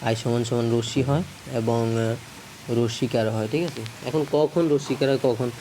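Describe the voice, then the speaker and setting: Halting man teaching step by step. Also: mid-range voice, steady tone, dark tone, a little hiss or hum. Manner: halting, frequent self-corrections and apologies; repeats checks for understanding. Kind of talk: casual video lesson.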